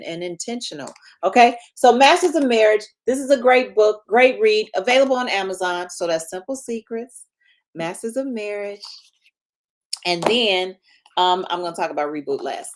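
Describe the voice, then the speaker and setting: A woman in her fifties, a marriage and relationship coach, talking casually and in a lively way on a live stream. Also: mid-range voice, normal speed. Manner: lively, chatty, self-deprecating asides.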